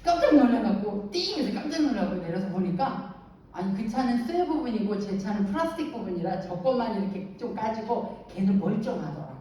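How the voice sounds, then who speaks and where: A middle-aged woman addresses a church teacher training in a slightly high, mellow voice. She tells everyday stories with lively energy and acts out the voices she quotes. She is picked up from a distance in a very echoey hall, with faint room noise behind her. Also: a little fast. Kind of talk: anecdotal church talk.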